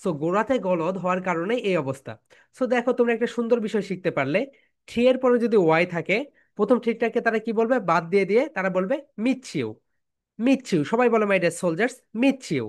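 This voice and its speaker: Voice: medium pitch, animated, fast talker. English teacher, mixes in english, keeps calling the class "soldiers" and makes them repeat stuff. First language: Bengali. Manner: keeps addressing students as "my dear soldiers", repeats phrases for drilling. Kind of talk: spoken lesson with call-and-response drills.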